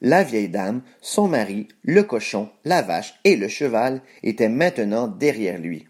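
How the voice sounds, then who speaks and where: A man reads a children's fairy tale aloud with an expressive, very animated voice. His tone is mellow and warm, and his pitch is in the middle. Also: unhurried. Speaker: storyteller. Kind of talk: scripted children's story narration.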